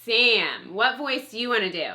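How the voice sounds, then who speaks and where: A woman's voice: on the high side, sing-song, moderate pace, sharp tone. A woman teacher leading children in a playful class recitation. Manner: upbeat, playful, coaxing children to chant along. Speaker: homeschool co-op teacher.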